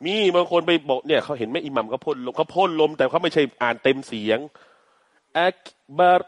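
A man teaching Quran recitation, chanting Arabic verses slowly and explaining pronunciation patiently in Thai. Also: medium pitch, dry recording. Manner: slow, patient, demonstrates sounds repeatedly, chants verses.

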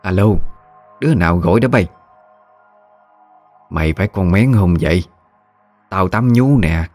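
A man's voice: deep voice, lively intonation, a little slow, darkish tone, soft background music. A man voicing a chatty, bossy village woman in her sixties with a Mekong Delta Vietnamese accent, blunt and familiar. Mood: brisk. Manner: blunt, familiar, talks down fondly.

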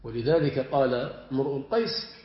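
Sheikh lecturing in an echoey classroom. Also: male voice, medium pitch, animated. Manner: drawn-out stressed word forms, questioning students. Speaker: sheikh teaching Arabic morphology. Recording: echoey room, dull lo-fi sound.

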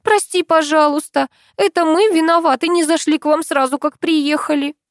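A woman narrator puts on a gentle, kind-hearted friend who pleads softly and fusses over everyone, pitched well above her narrating voice. The recording is dry and up close. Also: fairly even intonation, moderate pace, no room sound. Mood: fussing. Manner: soft, pleading, caring. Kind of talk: audiobook dialogue reading.

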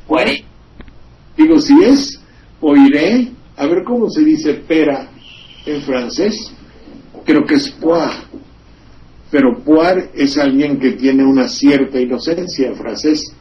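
A man's voice: on the high side, animated, slow, a little hiss or hum. A man with a Mexican Spanish accent hosting a radio talk show, giving digressive, sardonic political commentary full of asides and wordplay. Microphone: studio microphone. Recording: slightly dull lo-fi radio recording.

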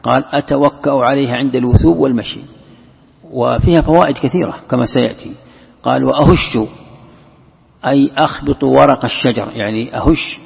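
A man's voice: mid-range voice, fairly quick, creaky, husky. A man giving a scripture commentary lesson. He poses questions, answers them himself and repeats key phrases. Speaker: religious teacher. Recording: echoey hall, dull lo-fi sound.

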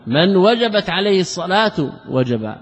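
A man's voice: high-pitched, sing-song, normal speed. A man, a sheikh, explaining a classical religious text in a lesson. He poses rhetorical questions, answers them himself, and repeats key words for emphasis. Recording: dull lo-fi recording with long hall reverb.

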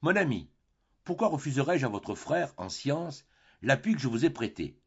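A man reading the letter of a proud, condescending provincial noblewoman in an audiobook, in a measured, formal way, with a gravelly voice. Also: medium pitch, sing-song, fairly bright tone, highs cut off, heavily acted. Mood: haughty.

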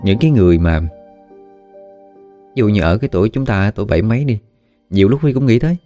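Folksy Southern Vietnamese man, low mellow voice. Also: animated, moderate pace, faint music behind. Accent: Southern Vietnamese, Mekong Delta. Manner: folksy, rambling, with frequent "à" fillers. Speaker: storyteller. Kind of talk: casual spoken storytelling.

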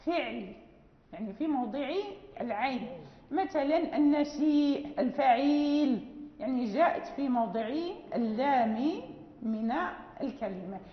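High-voiced woman teacher in an echoey hall. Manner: explains patiently, repeats words, many fillers. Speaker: teacher of Quran recitation. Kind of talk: classroom lecture. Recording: echoey hall, dull lo-fi sound.

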